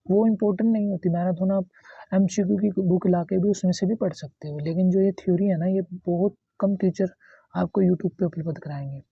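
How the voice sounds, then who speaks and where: A man explains history for an exam in an easygoing, repetitive way, going back over each point. His voice is gravelly and a little husky. The sound is dry and somewhat dull, as if from a basic mic. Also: on the high side, dry recording. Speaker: teacher. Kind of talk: exam-prep history lesson.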